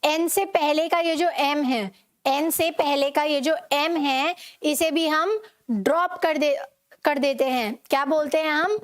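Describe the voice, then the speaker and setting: A woman's voice: high voice, slow pace. A young woman with an Indian accent teaching English pronunciation in an online lesson. She mixes Hindi and English, asks her learners questions and then repeats the answer.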